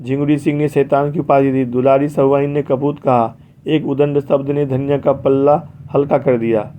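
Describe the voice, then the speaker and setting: A man narrating a classic novel as an audiobook in a measured storytelling manner, recorded with dull lo-fi sound. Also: medium pitch, flat delivery.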